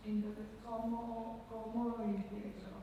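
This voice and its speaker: A woman speaking haltingly through a face mask as she asks a question from the audience. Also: fairly high pitch, little pitch movement, dark tone. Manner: halting, searching for words. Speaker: audience member asking questions. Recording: very echoey hall, distant, muffled, noisy.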